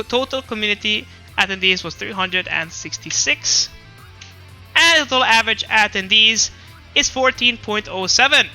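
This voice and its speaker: A man's voice: sits high, bright, forceful tone. A man casually presenting a recap slideshow, reading out results with chatty, self-deprecating asides and laughs at his own jokes. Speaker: presenter of a regional esports recap.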